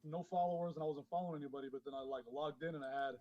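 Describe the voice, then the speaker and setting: A man who grew up in Queens, high and chatting casually as a podcast guest, rambling, swearing a lot and laughing often. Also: fairly even intonation, rapid-fire. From born in Honduras, grew up in Queens, New York. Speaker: guest caller, clothing brand founder. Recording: dull lo-fi phone call.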